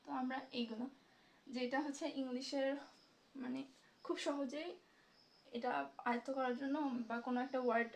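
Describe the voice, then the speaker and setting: A woman teaching a spoken English class, slowly saying each letter of the alphabet with many pauses and fillers. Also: high-pitched, steady tone, a little hiss or hum. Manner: slow, deliberate, hesitant with fillers, spells out letters one by one.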